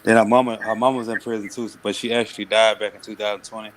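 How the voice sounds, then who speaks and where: Caller, man, deep low voice, mumbled laid-back delivery, faint hiss behind. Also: little pitch movement, quick pace, low-quality recording. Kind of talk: casual chat.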